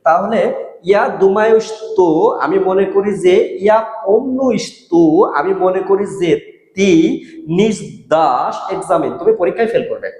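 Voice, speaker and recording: A man teaching a language lesson, repeating each word and phrase slowly and asking and answering his own questions. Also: high voice, lively intonation, a little mellow. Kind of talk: explaining Russian grammar in Bengali. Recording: echoey room with long reverb.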